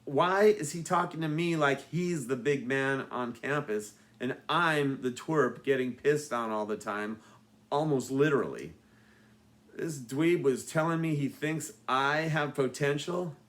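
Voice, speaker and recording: Man, author reading his book, mid-pitched voice, wry, deadpan asides. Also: a little slow. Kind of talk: audiobook narration.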